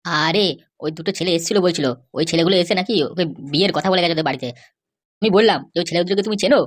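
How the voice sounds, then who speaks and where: Doing cartoon voice acting, a woman plays a worried young man who rambles and grumbles about his girlfriend's family. Her voice is fairly low-pitched, racing and lightly acted.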